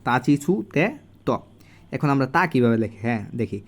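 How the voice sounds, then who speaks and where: Guy teaching at home on his phone, says each sound over and over as he writes, mid pitch. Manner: repeats syllables slowly while writing. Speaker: language teacher. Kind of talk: casual handwriting lesson. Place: home room.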